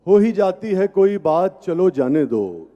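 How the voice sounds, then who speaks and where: A man reciting tender romantic ghazals at a live poetry gathering, declaiming each line slowly and repeating it. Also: sits high, big pitch swings, highs cut off. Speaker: poet reciting at a mushaira.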